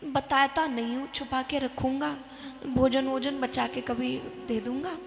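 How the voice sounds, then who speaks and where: A woman's voice: high voice, level tone, measured pace, creaky. A woman voicing a naive, earnest village man, in an echoey hall.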